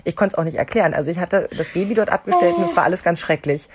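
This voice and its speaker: A woman co-hosting a podcast, telling stories in a lively way and acting out what people said. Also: lowish voice, quick pace, husky. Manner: animated storyteller, acts out quotes. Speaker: podcast co-host. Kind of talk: casual podcast chat.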